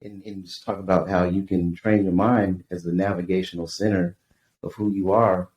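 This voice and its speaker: A man from Tucson, Arizona, a guest author, talking in a relaxed, reflective way on a podcast. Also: low voice, normal speed. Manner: reflective, easygoing, uses "you know" a lot. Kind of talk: casual podcast interview. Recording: echoey room with faint background noise.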